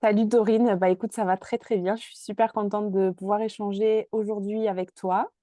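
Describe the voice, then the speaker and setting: Recorded dry at studio quality, a mellow mid-range voice belongs to a twenty-something woman from Marseille, France. She talks at a moderate pace with little pitch movement, and as a podcast guest in a casual interview she hesitates and uses many fillers.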